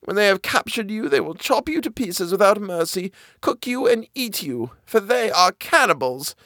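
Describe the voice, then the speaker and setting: A man doing a hushed old woman. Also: high-pitched, very animated, dry recording, clean studio sound, pitched above the performer's own voice, full character voice. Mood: hushed urgent. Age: older. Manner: slow, pleading, hushed.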